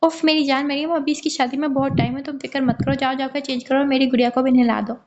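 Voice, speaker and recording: A woman voicing an affectionate young husband who gently teases his wife. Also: high-pitched, steady tone, quick pace, muffled recording. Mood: teasing. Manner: fond, gently teasing.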